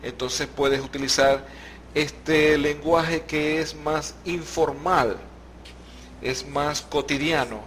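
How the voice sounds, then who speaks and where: A man's voice: a little high, steady tone, takes it slowly, a bit bright, a little hiss or hum. A Venezuelan man hosting a podcast, explaining expressions patiently with examples and easy laughter. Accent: Venezuelan Spanish. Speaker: podcast host. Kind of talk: slow explanatory podcast chat.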